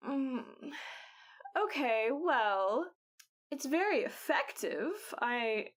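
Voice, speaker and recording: A woman putting on an old granny shopkeeper for a tabletop game, voice pushed up high and creaky-slow, lots of little pauses, sweetly offering strange potions and nets. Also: animated. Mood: coaxing. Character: elderly woman supplier of odd potions and gear.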